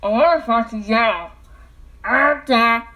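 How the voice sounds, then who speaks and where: This casual home vlog features a woman whose voice sits on the high side and moves a little slowly, captured with lo-fi sound. She chats into her phone through a cardboard tube, ending most lines with a questioning "okay?" as she rambles.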